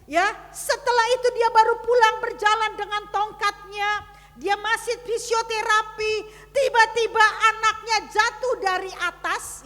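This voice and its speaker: A woman preacher tells a story to her congregation, talking to them directly and swinging from hushed to loud. Her voice is very high and sharply bright. It rings out with the long reverb of a church hall. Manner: dramatic storytelling with big swings in loudness. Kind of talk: sermon. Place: church service.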